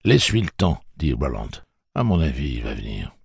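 A man voicing a calm, weathered adult gunslinger who speaks in a knowing way. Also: very deep voice, normal speed, vocal fry, slightly rough, no echo, studio quality, full character voice.

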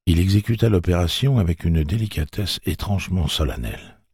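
Man, audiobook narration, very deep voice, husky gravelly tone, dry close mic. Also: fairly quick, a little mellow, no echo.

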